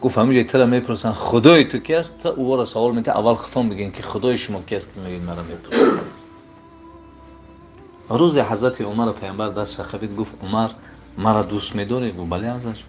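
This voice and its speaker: Male Tajik preacher, emotional story sermon, shifts between raised cries and hushed low lines, faint music bed. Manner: swings between loud exclaiming and low hushed telling.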